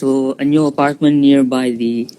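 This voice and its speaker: A man's voice: mid-range voice, steady tone, warm tone, clear, resonant tone, low-quality recording. A young man in his twenties from Indonesia, a student guest telling his story in a casual interview, with many fillers and restarts. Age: 20s. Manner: halting, frequent fillers and restarts. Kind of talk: casual interview over a live stream.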